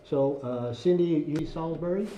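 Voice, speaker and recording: Man, radio auction co-host, brisk bid reader, noisy recording. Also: fairly high pitch, warm tone, dull audio. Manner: brisk, teasing, rattles off bid updates. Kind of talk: live radio auction chat.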